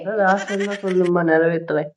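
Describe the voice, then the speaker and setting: A man with a Tamil accent, teasing his wife in a deadpan way during a prank. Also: high voice, fast talker. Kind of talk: casual couple banter.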